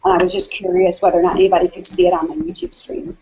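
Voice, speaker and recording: A woman's voice: on the low side, expressive, racing, warm tone, slightly rough. A woman hosting a casual video call chat, slightly out of breath from walking, talking with many ums and restarts. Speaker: hangout host. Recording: dull lo-fi video call audio.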